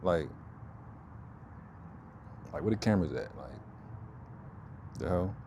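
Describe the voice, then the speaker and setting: A man's voice: low-pitched, slow pace, noisy background. Brief: male vlogger, casual and repetitive, walking outside, faint outdoor ambience. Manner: rambling, repeats himself, animated retelling. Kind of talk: casual storytelling vlog. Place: outdoors in a park.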